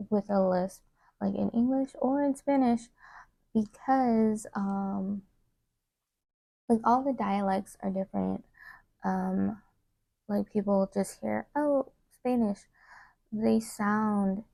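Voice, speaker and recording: A young woman chatting casually while doing her makeup, rambling with many fillers and trailing off into soft asides. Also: medium pitch, vocal fry, no room sound. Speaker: beauty vlogger. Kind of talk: casual get-ready-with-me chat.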